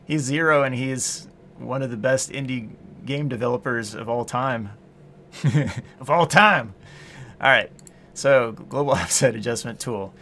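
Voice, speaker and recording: An unhurried man with a medium-pitched, bright, forceful voice streams himself coding, and a faint hiss or hum runs beneath. In his late thirties, he mutters to himself as he works, fields viewer comments, and chuckles often.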